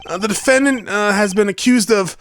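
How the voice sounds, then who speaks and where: Man putting on a high, jittery young rookie lawyer. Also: brisk, a bit bright, slight background noise. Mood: panicky, eager. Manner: stammering, jittery, over-assuring. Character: anxious, eager young male rookie defence lawyer. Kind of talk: voicing video game dialogue.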